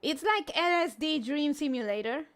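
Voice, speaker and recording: A woman's voice: sits high, lively intonation, normal speed, fairly bright tone. A woman hosting a casual livestream, chatting with viewers and reacting in a cute, playful anime-streamer manner. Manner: sprinkles Japanese greetings into talk. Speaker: livestream host.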